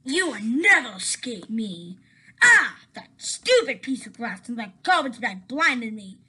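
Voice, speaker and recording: A woman's voice: fairly high pitch, sing-song, measured pace, bright, forceful tone, slightly rough, pitched below the performer's own voice, heavily acted. A woman voicing a gloating, threatening villain in a family audio drama.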